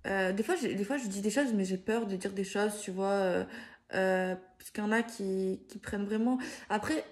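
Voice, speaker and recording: A French woman with a mid-range voice and steady tone speaks at normal speed as a card reader offering guidance to viewers. Her spiritual advice is improvised, casual, and hesitant, and she often circles back to rephrase herself.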